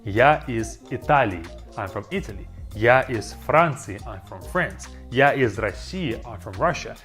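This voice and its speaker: An auto-dubbed language teacher narrates a scripted lesson of beginner phrases, slowly repeating each word for learners. Her pitch moves in a lively way, with faint music playing underneath.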